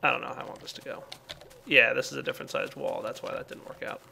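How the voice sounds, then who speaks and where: A man's voice: mid-range voice, level tone, fast talker, vocal fry, sharp tone, slight background noise. A man casually commenting on his game as he plays, thinking aloud with lots of fillers. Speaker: let's play host.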